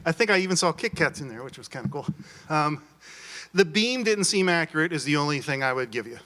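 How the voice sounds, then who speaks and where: A man with a bright, forceful voice, still out of breath after playing, speaking eagerly and bluntly about what worked. His pitch sits slightly high. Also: lively intonation, brisk. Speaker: playtester giving feedback. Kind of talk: post-game feedback chat.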